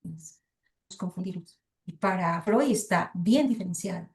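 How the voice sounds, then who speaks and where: A woman's voice: fairly low pitch, unhurried, reverberant, soft background music. A middle-aged woman with a Colombian Spanish accent giving an academic lecture, reading passages aloud and thinking aloud with frequent hesitations and rhetorical asides to her listeners.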